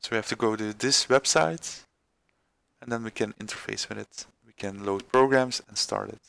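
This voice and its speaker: A man presenting a screen-recorded software tutorial, halting with many fillers and restarts. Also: on the low side, creaky, no echo.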